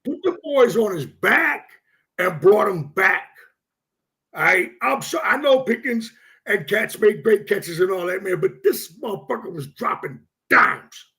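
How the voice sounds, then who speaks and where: A man co-hosting a football talk show, excitable and profane, often repeating himself as he makes his points. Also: high-pitched, a little slow. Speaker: sports show co-host.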